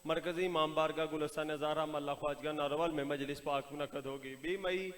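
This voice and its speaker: A man with a Pakistani Punjab Urdu accent making a measured public announcement that repeats dates and details. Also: a little high, steady tone. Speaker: announcer at a majlis. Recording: reverberant hall PA sound.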